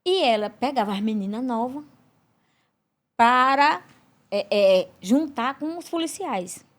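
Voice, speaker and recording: Woman, podcast guest, animated testimony, fairly high voice with big pitch swings. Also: unhurried. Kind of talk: religious testimony in conversation.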